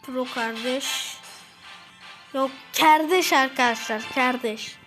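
A young girl hosting her gaming channel, commenting casually and excitedly as she plays against her brother. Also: high voice, slow, poor audio. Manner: excited, taunting during play. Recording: game music playing behind the voice.

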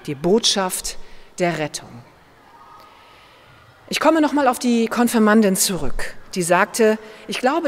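Slow-preaching woman pastor in a reverberant church. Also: medium pitch. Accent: German. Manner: slow, measured preaching with gentle emphasis. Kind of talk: sermon.

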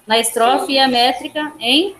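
A woman's voice: high voice, a little slow, crowd noise. A woman teaching a language class online, explaining step by step, counting syllables aloud and checking in with her students. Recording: echoey room, faint background noise.

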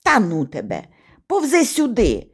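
A woman's voice: medium pitch, wildly swooping pitch, a little slow, slightly rough, exaggerated voice. A woman voicing a frightened, touchy village boy who calls out, snaps and pants as he crawls through a cornfield. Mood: irritated. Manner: yelling, irritable, breathless.

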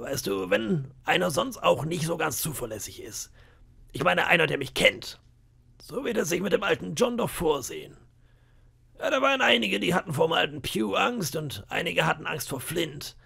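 A man voicing a boastful, scheming pirate cook of about fifty, with a gravelly, raspy voice and a sly, bragging manner. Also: on the high side, very animated, normal speed, sharp tone, voice pushed up, full character voice. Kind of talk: audiobook character voice.

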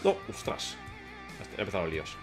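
A man with a Spain Spanish accent giving chatty, excitable live gameplay commentary to his viewers. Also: low voice, a little fast, music in the background. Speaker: gaming streamer.

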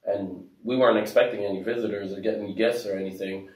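Low-voiced man from Africa, roomy echo. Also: fairly even intonation, quick pace, slight background noise. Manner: soft-spoken storytelling, many fillers. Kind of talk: casual discussion. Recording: roomy echo, mic at a distance.

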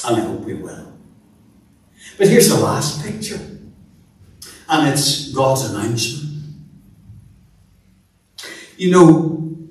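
Slow, earnest preacher in an echoing church. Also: male voice, medium pitch. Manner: earnest, repeats words as he builds emphasis. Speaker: minister leading worship. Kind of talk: sermon. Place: large church sanctuary. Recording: echoey church from a distance.

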